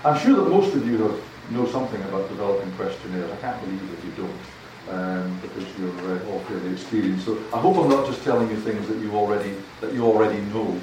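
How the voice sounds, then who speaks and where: Talking fast with few pauses, an older man with a Scottish accent and a fairly low, slightly mellow voice gives a chatty, self-deprecating lecture as a university guest, repeating words often. The large hall makes the audio echoey, with a handheld mic heard at a distance and faint noise.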